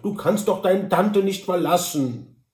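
A man's voice: sits high, expressive, normal speed, a little mellow, roomy sound, recorded from a distance, pitched above the performer's own voice. A man voicing a jovial, teasing, stout frontiersman with an Altenburg accent, hearty and coaxing. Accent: Altenburg dialect.

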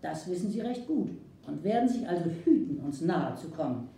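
A woman voicing a calm, firm male frontier hero who gives commands, recorded far from the mic in an echoey room. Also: lowish voice, fairly quick. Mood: stern.

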